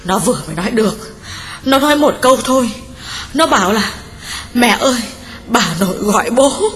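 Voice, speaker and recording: A woman's voice: on the high side, moderate pace, fairly bright tone, natural voice. A woman voicing a grieving widow who explains hurriedly and urgently. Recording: long hall reverb.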